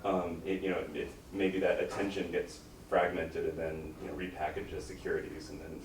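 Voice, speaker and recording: A man questioning as an academic examiner, informal and halting, softening his critique as he builds toward a question. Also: low voice, completely flat delivery. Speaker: academic examiner at a dissertation defense. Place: echoey room, recorded from a distance. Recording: echoey room, distant mic, faint noise.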